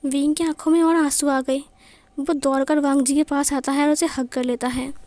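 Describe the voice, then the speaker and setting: ऊँची आवाज़ वाली कहानी सुनाती महिला. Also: female voice, high-pitched, level tone, normal speed, a little mellow. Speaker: fan fiction narrator. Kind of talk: storytelling narration.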